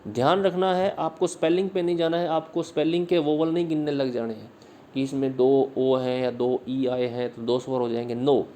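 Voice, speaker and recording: A male English literature teacher giving a slide-based video lesson, patiently repeating words slowly and explaining each slide line. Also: mid-range voice, fairly even intonation, mellow, slight background noise.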